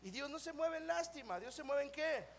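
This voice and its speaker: A Mexican man preaching a sermon at a live church service, asking the congregation questions and answering them himself, sometimes mimicking whiny prayers in a soft mocking voice. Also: very high voice, lively intonation, brisk. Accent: Mexican Spanish. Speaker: pastor. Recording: live church service with faint background noise.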